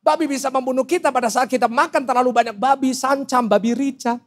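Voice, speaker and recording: A middle-aged pastor with an Indonesian accent preaches a lively sermon in a church hall, asking the congregation questions and joking between points. His voice is extremely high and he talks fast.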